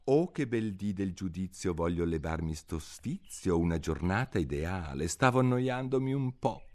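A man's voice: low voice, animated, normal speed, darkish tone. A man voicing a smug, bullying dog within a storybook rhyme, gloating.

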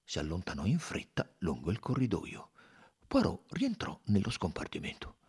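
A man's voice: deep voice, expressive, brisk, a little mellow, slightly rough. A man narrating an audiobook in a theatrical, varied reading style. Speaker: audiobook reader.

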